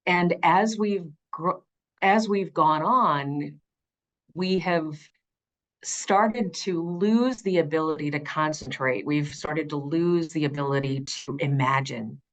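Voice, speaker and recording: A middle-aged woman who narrates audiobooks talks conversationally in an interview, her phrasing earnest, expressive and emphatic. Her voice is low and her pace slow.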